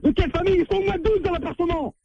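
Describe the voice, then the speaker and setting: The victim of a prank call, a landlord, keeps angrily and insistently repeating his demand that the caller leave. He speaks very fast in a very high voice, heard through a muffled, dry phone line with a noisy background.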